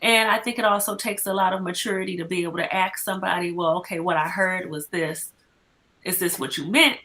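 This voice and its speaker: A woman's voice: on the low side, steady tone, fairly quick, bright, forceful tone. A woman in a casual chat, talking in a reflective, explaining way with lots of "like" and "you know".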